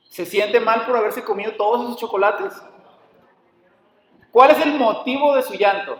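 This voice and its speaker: High-voiced man preaching in an echoey hall. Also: fairly bright tone. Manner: addresses listeners as brothers, asks rhetorical questions. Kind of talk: sermon.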